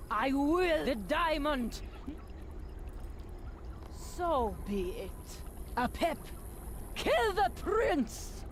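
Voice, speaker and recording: Game villainess: proud, unhinged, higher-pitched, unhurried theatrical menace. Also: female voice. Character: menacing villainous woman, proud, unhinged, believes herself a goddess. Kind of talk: dramatic video game voice acting. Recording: loud ambient noise behind voice.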